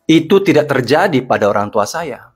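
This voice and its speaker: Husky, indignant Indonesian man. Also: medium pitch, very animated, normal speed. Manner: sarcastic, indignant. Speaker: social media commentator. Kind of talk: heated monologue rebuttal.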